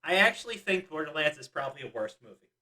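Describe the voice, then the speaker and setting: A man's voice: fairly high pitch, sing-song, quick pace, pushed and bright, recorded from a distance, rough recording. A young man co-hosting a podcast, recapping a movie in casual chat with lots of ums and laughs. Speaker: podcast co-host.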